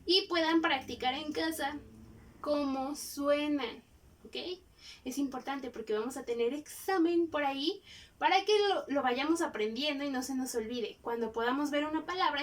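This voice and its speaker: A woman teacher, giving a phonics lesson to young children and sounding out each letter slowly and clearly. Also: high voice, fairly bright tone, distant mic.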